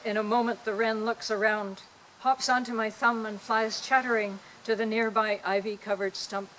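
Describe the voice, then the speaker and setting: A woman poet reciting her poems to a small audience in an outdoor park, with a gentle, lilting delivery. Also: on the high side, level tone, normal speed, slight background noise, poor audio.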